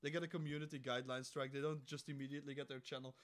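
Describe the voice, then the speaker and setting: A man's voice: medium pitch, level tone, very fast. A young man co-hosting a casual podcast chat, rambling with restarts and casual swearing. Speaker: podcast co-host. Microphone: home computer mic.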